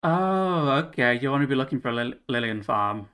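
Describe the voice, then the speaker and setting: A man narrating as game master of a tabletop game, halting with fillers and restarts. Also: mid-range voice, lively intonation, a bit bright, smooth.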